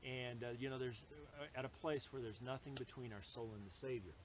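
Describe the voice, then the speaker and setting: A man preaching a sermon in a halting way, with many fillers and restarts. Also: mid-range voice, steady tone, background noise. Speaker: pastor.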